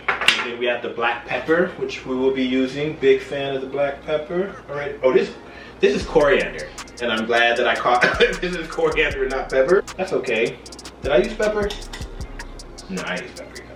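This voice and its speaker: A tipsy man hosts a home cooking show, chatting casually to camera while he cooks in an echoey kitchen, loose and rambling and losing track mid-sentence. His mid-range, slightly bright voice is expressive at a moderate pace, picked up by a distant mic with roomy echo and music behind.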